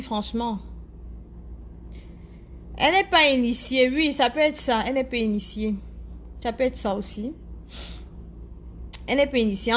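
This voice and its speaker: A woman with a high voice and an African French accent talks casually to her followers about online drama. She circles her points, pauses to search for the right word and says things twice. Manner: chatty, searching for words, repeats herself. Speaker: live streamer answering viewers' comments. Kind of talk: casual chat commentary.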